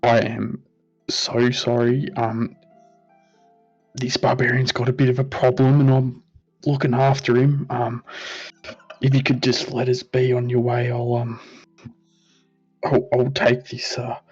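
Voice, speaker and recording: A man's voice: medium pitch, completely flat delivery, unhurried, long pauses, a little mellow, breathy edge, highs cut off, faint music behind. A man voicing a flustered male adventurer who bluffs guards in a stammering, over-polite way. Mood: fake-apologetic.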